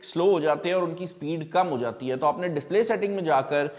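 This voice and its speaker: A man's voice: fairly high pitch, fast talker. Chatty man explaining phones, reverberant room. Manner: chatty, addresses viewers directly, explains with everyday examples. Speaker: tech video host. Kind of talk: casual explainer talk. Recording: long hall reverb.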